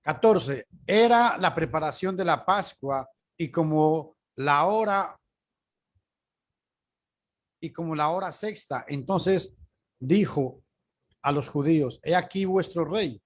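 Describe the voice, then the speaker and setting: Slow, high-voiced man reading scripture. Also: expressive. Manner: measured reading, lifts his voice for quoted speech. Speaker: Bible teacher.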